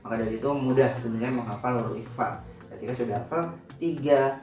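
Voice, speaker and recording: A man's voice: medium pitch, fairly even intonation, quick pace, a little mellow. Male religious-reading teacher, patient explainer who corrects himself often; faint music behind, recorded off-mic. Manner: patient step-by-step explaining with frequent self-corrections. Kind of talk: recorded classroom lesson. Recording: roomy echo, distant from the mic, faint music.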